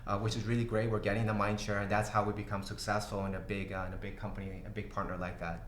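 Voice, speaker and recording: This middle-aged Brazilian CEO, a native Portuguese speaker, runs a casual livestream AMA in a small office studio with glass walls that gives a roomy sound. He talks in a lowish, fairly bright voice with little pitch movement, halting through plenty of uhs, ums and restarts and laughing easily. There's slight background noise.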